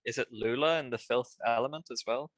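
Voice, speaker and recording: A man's voice: medium pitch, a little fast, no echo. A man co-hosting a podcast in casual chat, adding joking asides and comparisons. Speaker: podcast co-host.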